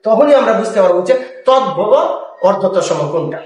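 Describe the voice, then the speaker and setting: A man teaching a grammar lesson, lively and lecturing, chanting word lists slowly. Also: high-pitched. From Bangladesh. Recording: echoey room, mic far off.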